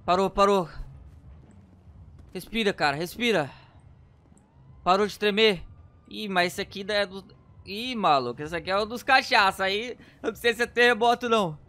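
A man giving frantic let's-play commentary, yelling commands at the game. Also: sits high, normal speed, long pauses. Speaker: gaming YouTuber.

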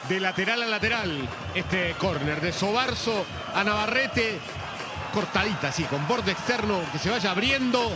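High-voiced man analysing football. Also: lively intonation, a little slow. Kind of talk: match analysis commentary. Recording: very noisy stadium crowd. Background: loud crowd and stadium noise.

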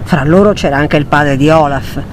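A woman's voice: low-pitched, normal speed, background noise. Woman reading a fairy tale. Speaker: storyteller. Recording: loud music bed behind.

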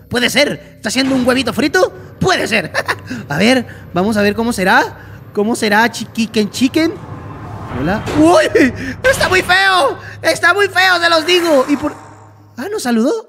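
A man giving excited let's-play commentary, chatting to viewers as friends and yelping at scares. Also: very high voice, gravelly. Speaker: gaming YouTuber.

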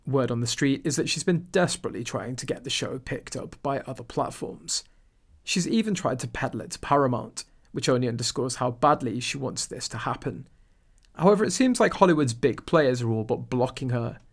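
A man with a middle-pitched voice reads a scripted gossip voice-over, a little fast. He stays snide and mocking the whole way through, leaning into sarcastic asides.

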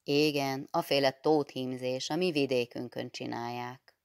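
Egy nő által felolvasott könyörgő, okos fiatal lány. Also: female voice, very deep voice, steady tone, creaky, smooth, no room sound, clean studio sound. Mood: sly politeness. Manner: pleading, flustered yet clever. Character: composed 22-year-old schoolgirl, clever and sly.

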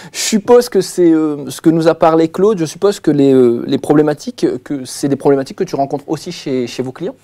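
A man moderating an online webinar, asking questions in a lively, joking way with fillers. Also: a little high, a little fast, few pauses.

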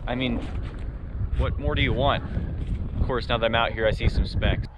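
A man talking excitedly to his action camera outdoors in a field, vlogging his solo hunt. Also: mid-range voice, noisy background. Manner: excitable, talkative, quick to gush. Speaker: hunting vlogger. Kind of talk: solo hunting vlog.

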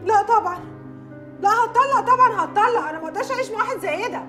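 An actress playing a jealous, quick-tempered young newlywed, speaking with an Egyptian accent, fast and accusing. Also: female voice, sits high, animated. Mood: tearful outrage. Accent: Egyptian Arabic. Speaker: jealous new bride. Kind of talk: Egyptian film acting. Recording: film audio with music behind.

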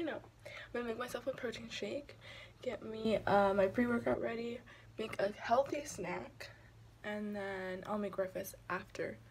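A young adult woman vlogs casually into her phone camera while getting ready for the gym, first at home and then in her car. She chats freely with many fillers and swears often. Her voice is medium in pitch, with a noisy background.

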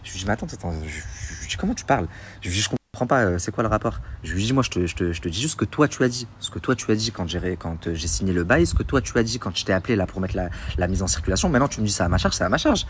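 A man's voice: sits low, expressive, racing, slight background noise. A man indignantly retelling a dispute in a casual phone story, recorded on a phone. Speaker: storyteller in a social media story.

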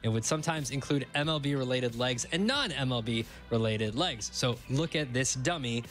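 A man's voice: mid-range voice, animated, normal speed, fairly bright tone, soft background music. A young man at a radio studio mic, reading sports news items steadily with frequent fillers. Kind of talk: casual news rundown. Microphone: studio mic with headphones.

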